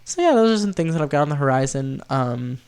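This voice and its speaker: A man with a nasal, stuffed-up voice from being sick, chatting casually through a tier list in a rambling, excitable way. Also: a little high, quick pace, vocal fry, clear, resonant tone. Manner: rambling, filler-heavy, easily excited. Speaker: video host.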